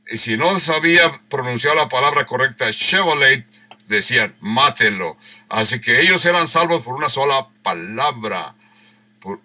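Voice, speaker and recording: A man's voice: medium pitch, pushed and bright. A man, preaching a sermon and teaching verse by verse. He rereads the passage and explains words with emphatic repeats. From Mexico. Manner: unhurried, rereads verses and acts out the quoted lines. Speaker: pastor.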